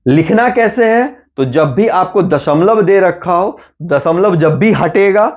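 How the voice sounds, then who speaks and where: A man teaching a math lesson for exam preparation, explaining step by step and often checking that the class is following. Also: on the high side. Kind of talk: exam-prep math lecture. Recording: dull lo-fi recording.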